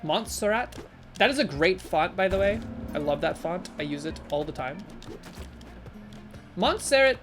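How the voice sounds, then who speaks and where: A woman live-streaming, chatting casually with her viewers in a rambling, animated way full of fillers. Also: brisk, soft background music. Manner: animated, with sudden jumps in pitch. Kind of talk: casual live-stream chat while gaming and reading chat.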